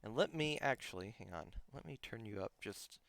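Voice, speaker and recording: A man's voice: lowish voice, lively intonation, moderate pace, vocal fry, fairly bright tone, no echo. A man hosting a casual livestream podcast interview, rambling with many fillers and restarts, his voice a little worn. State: losing his voice. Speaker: podcast host.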